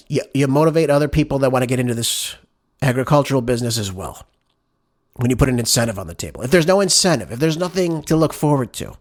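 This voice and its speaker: A man hosting a political talk show, delivering combative, sarcastic solo commentary and calling his listeners "folks.". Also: medium pitch.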